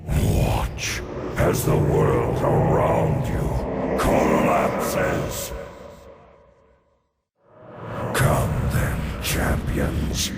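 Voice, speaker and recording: An actor playing a cruel, cold undead tyrant king in a video game, pompous and menacing, with a gravelly voice. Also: medium pitch, full character voice. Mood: cold, commanding. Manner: pompous, slow, theatrical villain delivery. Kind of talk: dramatic video game villain acting.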